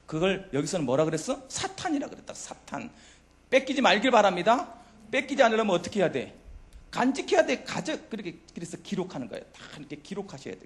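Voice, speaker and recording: Male pastor, middle-aged, youth sermon, high voice, swoops up and down, quizzes the crowd. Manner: animated, asks the congregation questions and answers them himself.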